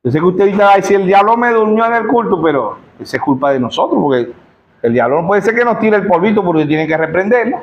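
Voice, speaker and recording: A man's voice: high-pitched, lively intonation, fast, dull audio. A male pastor with a Zulia Venezuelan accent preaching a sermon in church, often asking the congregation to answer him. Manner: rhetorical call-and-response, keeps asking the congregation "yes or no".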